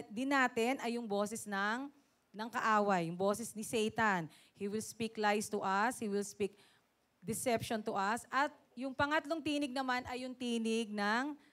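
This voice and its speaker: A woman's voice: on the high side, normal speed. A woman preaching a sermon, mixing Tagalog and English, often laughing and calling out to the congregation for an "Amen". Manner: switches between Tagalog and English.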